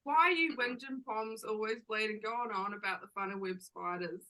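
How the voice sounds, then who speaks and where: A woman's voice: medium pitch, normal speed, bright, forceful tone, close to an everyday voice, poor audio. [name], a woman playing a brash Kiwi barmaid. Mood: sardonic. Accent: New Zealand with Australian twang. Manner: blunt, sarcastic, slangy banter. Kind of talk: amateur audio drama.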